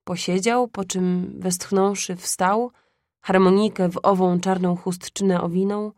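Audiobook narration, calm woman, dry close-miked sound. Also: medium pitch, measured pace, no echo. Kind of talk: scripted literary narration.

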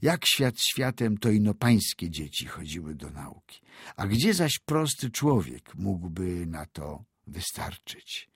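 A man's voice: deep voice, sing-song, takes it slowly, husky, dry recording, studio quality, heavily acted. A man voicing a poor, resigned widowed mother in a read-aloud story. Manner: plaintive, resigned grumbling.

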